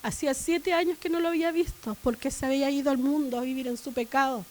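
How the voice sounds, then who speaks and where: Female preacher, very high voice, sermon delivery with emphatic repetition, church setting. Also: steady tone, quick pace, poor audio. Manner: rising to loud emphatic repetition.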